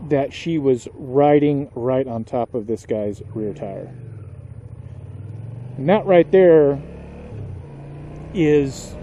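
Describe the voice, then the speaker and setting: A man making a somber motorcycle vlog, talking slowly and haltingly and choking back emotion. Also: a little high, mellow, a little hiss or hum. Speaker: motorcycle vlogger.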